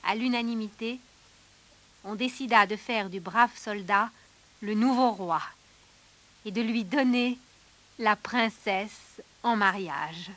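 A woman narrating a fairy tale in an expressive storybook manner, dropping to hushed tones and rising for drama. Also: medium pitch, slow pace, pauses often.

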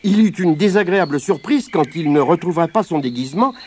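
A man reading a children's story aloud in an expressive, animated way. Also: fairly high pitch, a little fast, slight background noise.

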